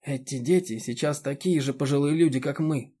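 Man doing a quiet, polite older man. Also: medium pitch, moderate pace, breathy edge, lightly acted. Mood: restrained. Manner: quiet, restrained.

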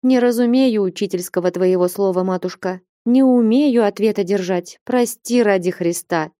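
Woman doing a scared old nun, quiet and begging, dry sound. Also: mid-range voice, normal speed, dry recording, close to an everyday voice. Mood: pleading. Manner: meek, pleading, hushed. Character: timid, elderly female nun, frightened.

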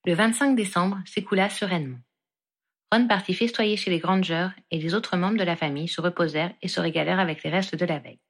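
A woman's voice: on the low side, brisk. A woman narrating a fan-fiction novel as an audiobook, lightly voicing the characters' quoted lines.

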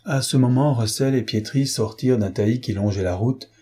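A man reading a novel aloud as an audiobook narrator, in a measured storytelling manner. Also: medium pitch, mellow, slightly rough. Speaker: audiobook reader.

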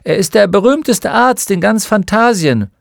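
A shrill, stooped old woman blurts out her words in a high, cracking voice, as a male audiobook reader puts her on. She talks in a hurried, eager rush, pitched far above the reader's own voice and ringing loud. A little gravel shows at the edges. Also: no room sound, studio quality. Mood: excited. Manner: excited, hurried exclaiming.

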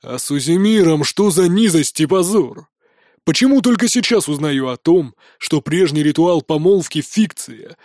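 A domineering king and furious father, as an audiobook reader puts him on, booming and scolding in a fairly high male voice. The recording is dry and close, with no room sound at all. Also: a little mellow, no echo, lightly acted. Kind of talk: audiobook character voice.

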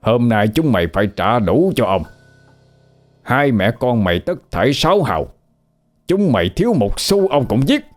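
A man voicing a brutal, greedy old village chief who snarls and shouts threats, in a storytelling recording. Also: mid-range voice, sing-song, normal speed, soft background music, pitched above the performer's own voice, natural voice. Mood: menacing.

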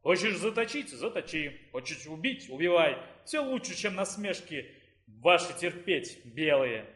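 A man's voice: on the high side, sing-song, unhurried, fairly bright tone. A man voicing a bitter, grumbling old dean. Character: weary, stubborn male dean of the dark faculty.

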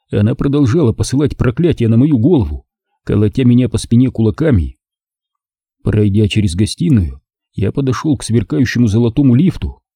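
A man narrating a first-person novel as an audiobook, reading in a lively, expressive way. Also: fairly low pitch, slightly rough, no echo, studio quality.

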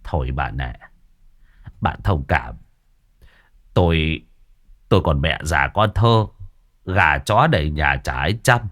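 Weary young craftsman, played by the narrator, grumbling and resigned, in an audio story; low, lively voice. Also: moderate pace, pauses often. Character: weary, scruffy young man, a gifted craftsman.

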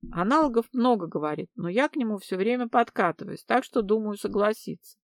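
A woman reading an audiobook and voicing a calm, sleepy man with a faintly mocking tone. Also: medium pitch, fast, no echo, clean studio sound, natural voice.

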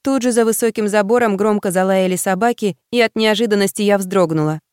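A woman narrating a first-person audiobook in an expressive manner, voicing the heroine's emotional lines. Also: medium pitch, fairly quick, smooth, no room sound, clean studio sound.

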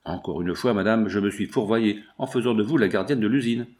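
A man's voice: lowish voice, brisk, a little mellow, lightly acted. A man voicing a harsh middle-aged factory owner in an audiobook, speaking curtly. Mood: stern. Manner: curt, harsh. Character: stern middle-aged male factory boss.

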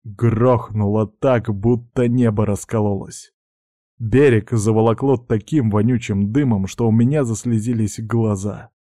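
Male audiobook narrator; wry, measured, dark timbre. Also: lowish voice, steady tone, no room sound, clean studio sound. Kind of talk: audiobook reading.

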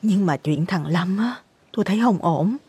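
Anxious hushed mother, voiced by a woman, husky and breathy. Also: on the low side, animated, moderate pace. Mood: hushed worry. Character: worried village mother, soft-spoken.

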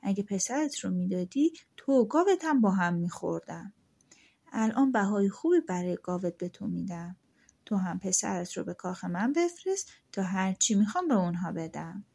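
A woman's voice: mid-range voice, animated, creaky, warm tone, husky. A woman voicing a fierce giant talking bird. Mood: grand. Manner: commanding, curt demands.

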